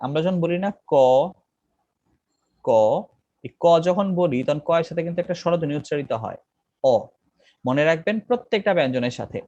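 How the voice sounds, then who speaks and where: A man's voice: fairly high pitch, a little mellow, no room sound. A man teaching a grammar class, repeating each rule several times and quizzing his students. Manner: repeats rules over and over, asks questions to the class. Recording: dry, dull lo-fi recording.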